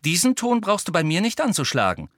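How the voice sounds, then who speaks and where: A man's voice: high voice, very animated, brisk, bright, forceful tone, no echo, studio quality, voice pushed up, exaggerated voice. A man reading an audiobook and voicing a cool, self-assured teenage girl. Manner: cool, unsure at first.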